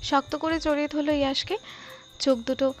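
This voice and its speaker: A woman narrating a romantic audio story in a soft, steady storytelling voice. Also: high-pitched, normal speed. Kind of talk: scripted narration.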